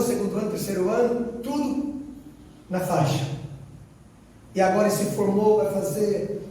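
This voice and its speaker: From the pulpit, a Brazilian missionary preacher shares his testimony in a sermon, acting out each exchange, quoting dialogue and repeating phrases for weight. His voice is high but mellow. He is recorded from a distance across a reverberant church hall, with a faint hum of ambience.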